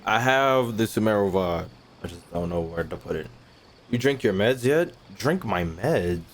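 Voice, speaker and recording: Over video game music and sounds, a man with a fairly low, lively voice talks at a normal pace to his livestream chat while he plays. He's casual and slangy and swears freely, with slight background noise on the recording.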